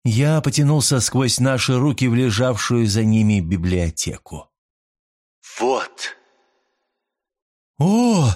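A man reading a first-person novel aloud with a hushed, intimate, drawn-out delivery. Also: mid-range voice. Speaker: audiobook narrator.

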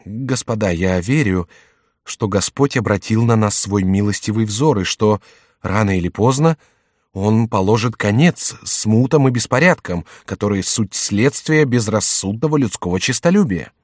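A man's voice: on the low side, lively intonation, normal speed, darkish tone, no room sound, studio quality. A man voicing a pale, anxious prince who declaims in grave, pious tones, in an audiobook reading. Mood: trembling. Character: pale anxious male prince, trembling then rising.

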